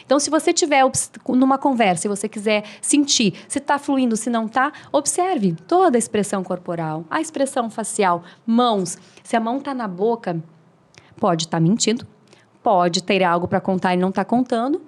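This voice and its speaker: A woman's voice: fairly high pitch, lively intonation, moderate pace. Woman explaining speaking tips. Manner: didactic, demonstrative, friendly. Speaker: oratory mentor guest. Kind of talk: podcast interview, explaining tips.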